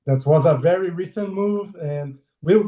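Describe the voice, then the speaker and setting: A Brazilian illustrator in his forties, speaking with a Brazilian Portuguese accent, is a guest in a casual video-call interview. Friendly and hesitant, he laughs often. His voice sits high and mellow, his pace unhurried, and the room sounds echoey.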